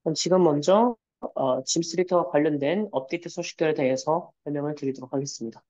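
A man's voice: fairly high pitch, racing, a little mellow, dull audio. A man interpreting a webinar consecutively, polite and formal with hesitant fillers. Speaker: Korean interpreter.

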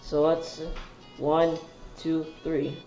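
A young boy filming himself in a home kitchen on a phone, chatty and excitable, full of fillers and calls of "guys". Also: a little high, very slow, soft background music, low-quality recording. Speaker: home cooking vlogger. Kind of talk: casual cooking vlog. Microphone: phone camera held close.

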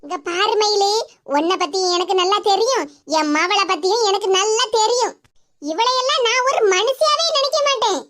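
A shrewd, sharp-tongued older mother-in-law from a cartoon as a woman voices her, scolding and teasing in a Kanyakumari Tamil accent. Her voice is very high and bright. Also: normal speed. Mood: dismissive.

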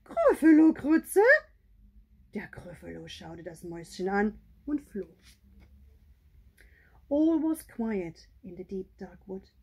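A woman with an English accent reading a picture book aloud in two languages, with line endings that trail off softly. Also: mid-range voice, slightly rough. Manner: slow, lilting read-aloud, trailing off softly at line ends. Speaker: storybook reader. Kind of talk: bilingual storybook reading.

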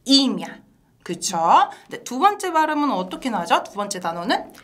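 A woman hosting a language lesson in an animated style, laughing often and quizzing her co-teacher. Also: on the high side, normal speed. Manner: bright and animated, laughs often, asks questions to engage viewers. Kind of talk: lively two-person language lesson.

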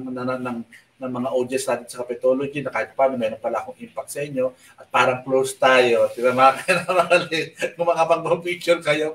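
Male live-stream host, casual and rambling, deliberately quiet delivery; distant mic in an echoey room. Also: mid-range voice. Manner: rambling, chatty storytelling with frequent fillers; speaks softly on purpose at night. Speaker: online show host.

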